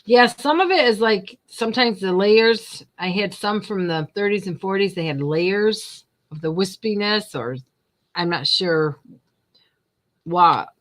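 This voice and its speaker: A woman's voice: medium pitch, unhurried. An older woman hosting a casual craft livestream, chatting in a rambling way and laughing often. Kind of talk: casual chat while crafting. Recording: noisy home recording.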